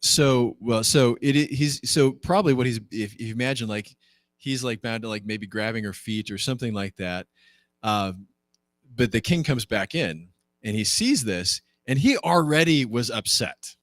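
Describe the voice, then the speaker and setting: A man's voice: moderate pace, dry recording. A man, a pastor leading a Bible class, retelling a story conversationally, asking the class rhetorical questions and acting out quoted lines. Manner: conversational and animated, acts out quoted lines with jumps in pitch.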